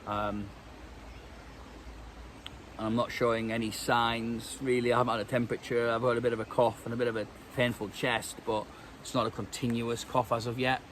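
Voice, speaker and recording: The woodland vlog features a British man whose cold leaves him sounding stuffy, speaking in a fairly bright, mid-range voice at a moderate pace with little pitch variation. He rambles casually, restarting often and saying um a lot, over a little hiss or hum.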